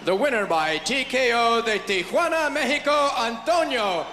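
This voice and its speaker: A man's voice: very high-pitched, lively intonation, normal speed, pushed and bright. A man making a bilingual boxing ring announcement, drawing out names in a showy lucha-libre manner over an arena PA. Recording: echoey arena PA, long reverb, some noise.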